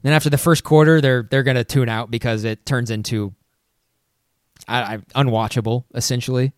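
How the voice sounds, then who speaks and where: A man co-hosting a casual sports podcast, halting with many restarts. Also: mid-range voice, steady tone, dry recording, studio quality. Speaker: podcast co-host.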